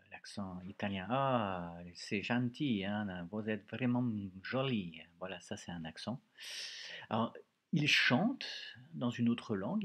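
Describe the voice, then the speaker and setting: A man's voice: fairly low pitch, husky. A male teacher leading a reading lesson for pupils, explaining words patiently and repeating phrases.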